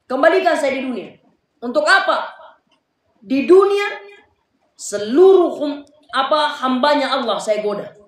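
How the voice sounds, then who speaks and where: A man's voice: very high voice, expressive, a little slow, pauses often. A male preacher with a South Sulawesi accent voicing a proud, scheming male devil who makes grandiose vows. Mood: boastful. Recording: echoey hall, voice far from mic.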